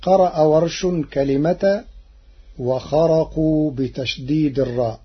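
A man teaching Quran recitation variants, speaking slowly and deliberately and intoning each quoted verse. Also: fairly high pitch, slightly rough, lo-fi sound. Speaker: Quran reading instructor. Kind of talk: didactic explanation of recitation variants.

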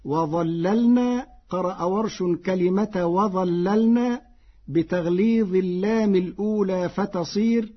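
A man teaching Quran recitation readings in a measured way, slowing down to recite each example word. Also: sits high, breathy edge, lo-fi sound.

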